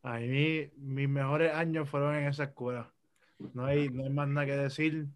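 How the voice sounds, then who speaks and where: A man's voice: mid-range voice, little pitch movement, normal speed. A young man with a Puerto Rican accent talking enthusiastically in a casual podcast chat, teasing his friends. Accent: Puerto Rican Spanish. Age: young adult. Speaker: podcast guest.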